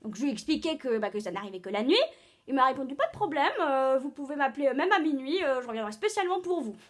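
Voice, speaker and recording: A woman acts out a self-pitying aunt who relishes every gory detail of her illnesses. Her voice sits high and she rushes on breathlessly from one complaint to the next, with plenty of fillers. It is theatrical, stage-style acting. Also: animated. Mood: dramatic. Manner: breathless, dramatic storytelling with many fillers. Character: chatty hypochondriac older aunt on a video call. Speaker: drama student.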